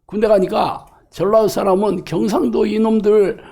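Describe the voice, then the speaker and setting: Man, middle-aged, pastor, sermon, acts out voices, gravelly. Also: high voice, moderate pace. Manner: animated and colloquial, acting out quoted voices, laughing. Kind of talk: lively sermon. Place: church or hall.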